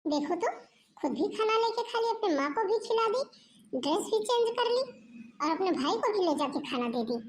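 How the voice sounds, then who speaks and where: A woman's voice: very high-pitched, fairly even intonation, normal speed, vocal fry, slight background noise. A woman doing a sarcastic nagging grandmother. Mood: muttering. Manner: taunting, complaining, sarcastic. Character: nagging sarcastic old grandmother, mother-in-law. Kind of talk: Hindi cartoon moral story voice acting.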